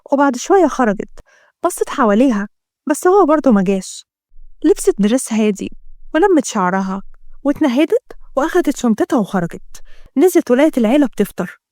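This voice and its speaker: A woman with an Egyptian accent narrating a romance story in a brisk, dramatic reading. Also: on the high side, darkish tone, dry recording, studio quality. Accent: Egyptian Arabic.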